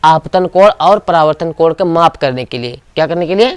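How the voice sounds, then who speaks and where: A man's voice: on the high side, moderate pace, clean tone, dry recording. A man teaching a physics class, asking the students short questions and repeating key terms. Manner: call-and-response questioning. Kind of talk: classroom lecture.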